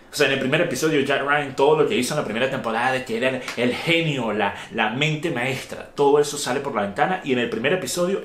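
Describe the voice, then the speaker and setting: A man delivers an opinionated review monologue. His voice sits at an ordinary middle pitch, and he presses his points with indignant emphasis and rhetorical questions. The recording carries noticeable room echo. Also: slight background noise. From Venezuela. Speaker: video commentator.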